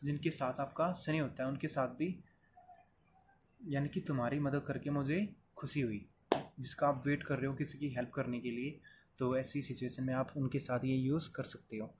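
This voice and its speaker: This man speaks at a normal speed in a mid-range voice with a steady tone, and there's slight background noise. In a casual, explanatory Hindi lesson on English phrases, he breaks things down one step at a time, talks to the viewer like a pal, and keeps addressing them as "brother."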